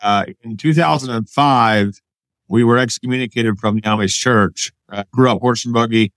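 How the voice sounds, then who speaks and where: A man's voice: medium pitch, normal speed, a bit bright, dry recording. A man from Pennsylvania, a guest on an interview show, recounting his past in a plain, matter-of-fact way. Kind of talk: casual interview storytelling.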